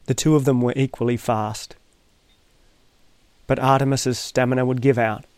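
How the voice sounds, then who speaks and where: A man narrating a reflective essay in a measured, thoughtful way, with dry, wry asides. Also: mid-range voice, level tone, darkish tone, smooth, dry recording.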